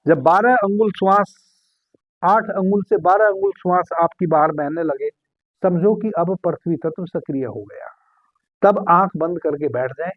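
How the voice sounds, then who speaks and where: A man calmly giving guided meditation instructions as a spiritual teacher, repeating key phrases slowly. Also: high-pitched, no room sound. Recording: tinny phone-like sound.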